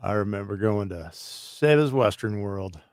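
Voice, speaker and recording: A man from Nashville co-hosting a morning radio show, animated and acting out quotes. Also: fairly low pitch, moderate pace, dry recording, clean studio sound. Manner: animated, acts out quotes in funny voices. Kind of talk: casual morning radio banter.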